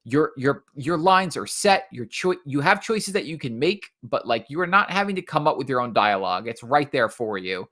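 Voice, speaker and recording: A man's voice: medium pitch, very animated, moderate pace, few pauses, a bit bright. A man co-hosting a games podcast, chatting casually with filler words and restarts. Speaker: podcast co-host. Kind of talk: casual chat.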